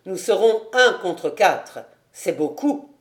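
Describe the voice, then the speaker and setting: A woman reading an audiobook, voicing a male army captain in a lowered, cool, measured tone. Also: expressive. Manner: cold, measured, unhurried.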